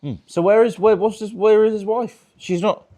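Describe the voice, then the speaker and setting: A man's voice: high voice, fairly even intonation, normal speed, mellow. A man in his twenties doing crude, teasing crowd work as a stand-up comedian in a virtual-reality show. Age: 20s. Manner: crude, teasing, laughs often.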